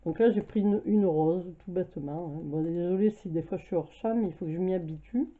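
A woman's voice: lowish voice, a little fast. A French woman with a cold, casually showing her craft purchases and filling her talk with hesitations. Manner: chatty, hesitant, many fillers. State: has a cold, coughing. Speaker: craft vlogger. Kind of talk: casual haul video. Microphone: camera mic at home. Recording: tinny phone-like sound.

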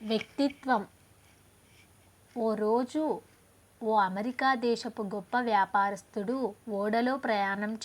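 A woman reading moral stories aloud to her channel in a measured, storytelling manner. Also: medium pitch.

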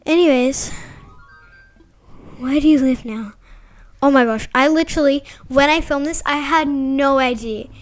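A woman giving casual, chatty gameplay commentary as a vlogger, excitable and full of fillers. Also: high-pitched. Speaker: gaming vlogger.

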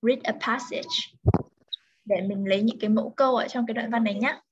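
A woman tutoring a pupil one-on-one in English vocabulary, saying each word slowly and carefully for the pupil to repeat. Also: a little high, fairly even intonation, muffled recording, a little hiss or hum. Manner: slow, careful word-by-word pronunciation modeling.

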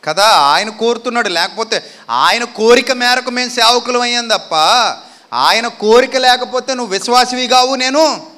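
A man's voice: extremely high pitch, moderate pace, bright, forceful tone. A man preaching a sermon from a stage into a handheld mic, firing rhetorical questions at the congregation and building to emphatic declarations. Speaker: pastor. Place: church stage.

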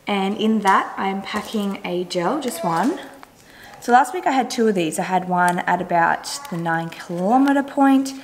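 A young woman chats casually to camera in a home kitchen. Her voice sits at a middle pitch, with roomy echo and clear noise around it. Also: lively intonation, measured pace. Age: young adult. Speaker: running vlogger. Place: indoors, bright home kitchen. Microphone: camera a couple of metres away.

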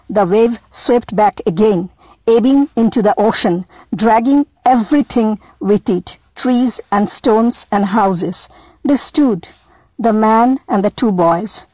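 Woman reading a storybook out loud, slow and careful, dry close sound, middle pitch. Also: dry recording, rough recording.

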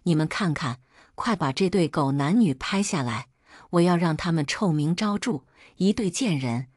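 A woman reading a story aloud, voicing a violent, jealous young husband who shouts insults. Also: sits low, lively intonation, moderate pace, husky, no echo, clean studio sound. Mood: furious.

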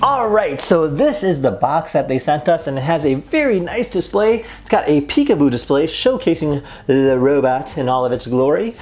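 Faint music plays behind a young adult man whose fairly high, darkish voice has a sing-song lilt. At normal speed with few pauses, he hosts an upbeat, chatty unboxing and review in a small indoor room.

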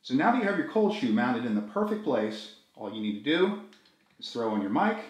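A middle-aged man hosting a gear tutorial, walking through each step in a friendly, clear way. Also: mid-range voice, sing-song, brisk. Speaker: video tutorial host. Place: small room indoors, echoey. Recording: very echoey room.

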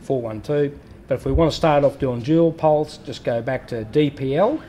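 In a workshop, a man explains a welding machine step by step, plain-spoken with fillers and restarts. His medium-pitched voice is animated and dark in tone, at a moderate pace, with a little hiss or hum on the recording.

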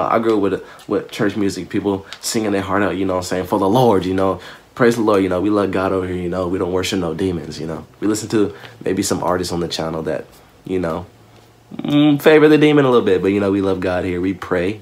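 A young man hosting a music reaction, talking in loose, slangy, emotional bursts and often addressing viewers directly. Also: low voice. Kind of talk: casual reaction commentary.

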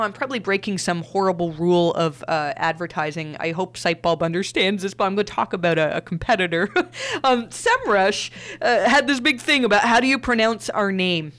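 A woman's voice: mid-range voice, normal speed, fairly bright tone. A woman hosting a solo podcast, talking casually with frequent fillers and restarts. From Canada. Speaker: podcast host.

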